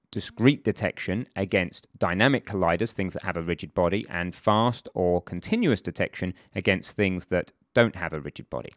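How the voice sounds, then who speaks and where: A man walks through a software tutorial in a relaxed, conversational way, breaking off for asides and correcting himself as he goes. His voice sits fairly low. The recording is dry and close, with no room sound. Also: no room sound. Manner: informal, chatty, self-correcting asides. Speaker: game development instructor.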